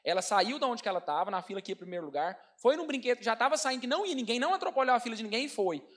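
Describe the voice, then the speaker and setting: A man's voice: extremely high pitch, racing. A man with a Brazilian Portuguese accent, a pastor preaching a storytelling sermon and calling out to the congregation as brothers. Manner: animated, addresses congregation as brothers.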